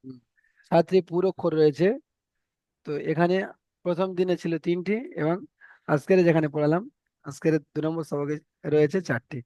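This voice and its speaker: A man's voice: on the high side, steady tone, moderate pace, pauses often, warm tone, no room sound. A male teacher with an Indian Bengali accent, leading an online Arabic reading lesson and patiently repeating letter sounds for his students. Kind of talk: online Quran reading class.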